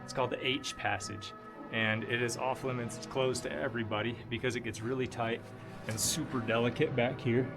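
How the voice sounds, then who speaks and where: A man's voice: mid-range voice, fairly even intonation, brisk, over music. A man speaking informally and explaining things as he guides viewers through a cave for a vlog. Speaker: caving guide and video host. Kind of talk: casual vlog narration while exploring. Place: inside a cave.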